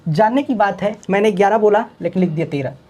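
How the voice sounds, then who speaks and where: A man's voice: sits high, fast, a little mellow. A male teacher giving an exam-prep lesson, repeating questions, answering them himself and reciting letters aloud one by one.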